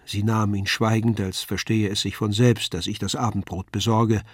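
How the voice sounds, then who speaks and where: A man calmly reading a classic novella aloud. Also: on the low side, moderate pace, husky, no echo, clean studio sound. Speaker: reader. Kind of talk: scripted narration of a novella.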